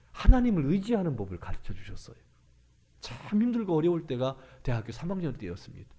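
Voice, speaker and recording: Husky guy preaching, voice jumps all over, gets loud then goes quiet. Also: mid-range voice. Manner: animated preaching, swings from loud to hushed. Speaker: pastor. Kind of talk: sermon.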